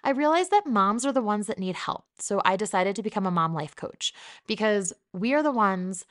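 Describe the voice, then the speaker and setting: A woman's voice: mid-range voice, animated, normal speed. A woman in her thirties from New Jersey, hosting her own podcast in a chatty, upbeat and candid solo monologue. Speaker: podcast host.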